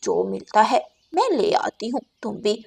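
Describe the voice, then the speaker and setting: A grumpy old grandmother sparrow, voiced by a woman in a cartoon, a thrifty, stubborn mother-in-law. She talks in a quieter, lower tone than the others and grumbles. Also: very animated, measured pace, vocal fry, slightly rough, exaggerated voice. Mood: grumbling. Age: older.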